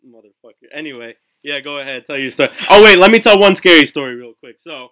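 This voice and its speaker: A man's voice: a little high, expressive, fast talker, fairly bright tone. A teenage boy hosting a live stream podcast, telling a story in casual, profane chat, full of fillers and "right?" tags. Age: teens. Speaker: livestream podcast host. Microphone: home stream mic with glitchy audio.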